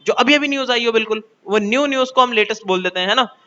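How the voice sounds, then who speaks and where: A man with an Indian accent teaching English grammar in Hindi, explaining step by step, asking the class questions and reading English rules out slowly. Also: very high-pitched, pushed and bright, highs cut off.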